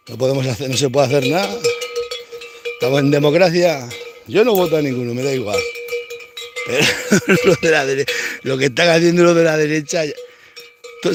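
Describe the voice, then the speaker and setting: A man, a cattle farmer, rambling to himself and calling out to his cows as he works outdoors. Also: fairly high pitch. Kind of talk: casual monologue while working.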